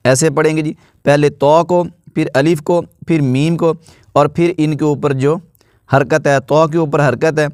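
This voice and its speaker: A man teaching Quran recitation with an Urdu accent, spelling out letters and vowel marks one by one in a slow, drawn-out way, then explaining the rules more quickly. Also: a little high, steady tone, darkish tone, clean tone, no echo, clean studio sound.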